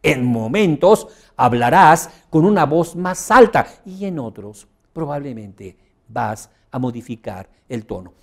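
A man teaching public speaking in a teleseminar, deliberately raising and lowering his voice for emphasis, with frequent hesitations and a slow, measured delivery. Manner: strongly modulated, rising and dropping volume for emphasis. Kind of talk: teleseminar lecture.

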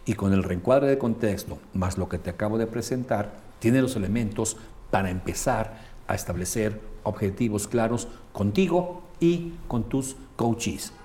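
A man's voice: lowish voice, animated, measured pace, warm tone. A man with a Mexican accent, teaching a coaching lesson with frequent hesitant filler sounds. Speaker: coaching instructor.

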